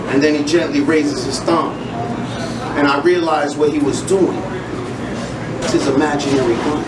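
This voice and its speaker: High-voiced man performing angry slam poetry. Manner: angry, intense, profane. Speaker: spoken word poet. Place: live venue stage. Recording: echoey room, distant mic, noisy crowd.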